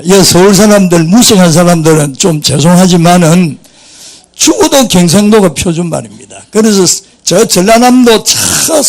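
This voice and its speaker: A gravelly, fairly high-pitched older man delivers a sermon in a thick Gyeongsang Korean accent. He is a pastor who preaches in a folksy, joking storytelling manner and often chuckles between his points. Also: a little mellow.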